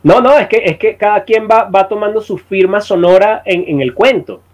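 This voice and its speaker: A Venezuelan man spinning band stories in loose, slangy chat, his voice sitting a bit high for a man. He slips into the voices of the people he quotes as he tells the tale. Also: normal speed. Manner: animated storyteller, heavy slang, acts out quoted voices. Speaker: musician guest. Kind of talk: casual chat.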